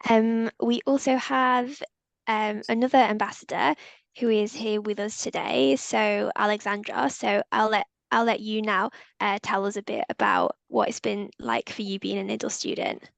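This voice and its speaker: A woman's voice: medium pitch, normal speed, gravelly, dry recording. A woman hosting a university webinar on a video call, speaking with many fillers and repeated words. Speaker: webinar host. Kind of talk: webinar moderation.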